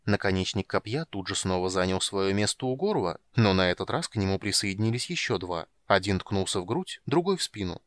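A man reading fantasy narration aloud in an expressive, dramatic way. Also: deep voice, a little fast, few pauses, dry recording. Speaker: audiobook reader.

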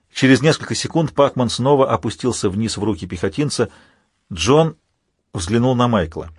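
Husky male audiobook narrator. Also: fairly low pitch, darkish tone, no echo, clean studio sound. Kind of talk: scripted narration.

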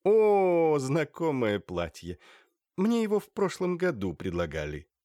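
A man's voice: on the high side, wildly swooping pitch, a little slow, warm tone, no echo, clean studio sound, pitched above the performer's own voice. An offhand, teasing young woman speaks in a raised voice, as a male narrator puts her on. She sounds cool and unbothered. It is a storybook reading. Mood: mocking.

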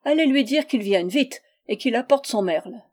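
A woman's voice: a little high, expressive, moderate pace, a little mellow. A woman reading a storybook, voicing a haughty, spoiled young princess who gives commands. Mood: imperious. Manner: commanding, exclamatory.

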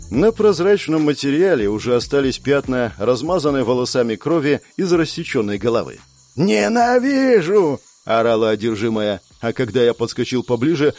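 A man narrating an audiobook in expressive storytelling style. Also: medium pitch.

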